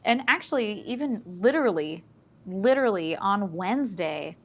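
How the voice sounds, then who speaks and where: A woman's voice: medium pitch, lively intonation, normal speed. A woman streamer chatting casually and telling a story, with lots of filler words and restarts.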